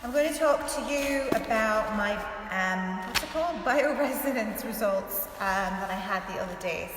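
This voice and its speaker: A woman vlogger talking casually and informally to her followers, often saying "like", in a big echoey room. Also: medium pitch. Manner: chatty, informal, frequent "like" as filler. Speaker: health vlogger and author. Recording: big echoey room, distant mic, faint hiss.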